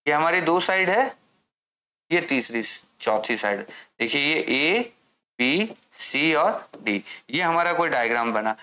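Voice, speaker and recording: Pitched on the high side, this man's voice is sing-song and sharp. He's teaching maths in a classroom explanation, answering his own questions and reading English slowly.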